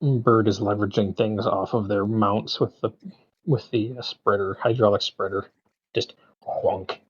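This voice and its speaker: A man in casual voice-call chat as a tabletop game player, relaxed and hesitant, adding spoken sound effects. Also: fairly low pitch, normal speed, breathy edge. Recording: dull lo-fi mic.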